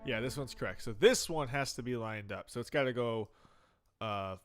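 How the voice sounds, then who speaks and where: A man's voice: medium pitch, normal speed, over loud music. A man chatting casually to himself while editing a video, muttering and swearing a little when things go wrong. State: hiccups. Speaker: video creator. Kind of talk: casual live editing chat.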